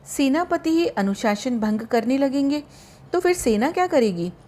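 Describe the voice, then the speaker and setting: A woman's voice: high-pitched, lively intonation, moderate pace, darkish tone. A woman doing a boy playing a stern minister. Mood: mock-formal. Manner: mock-formal, admonishing.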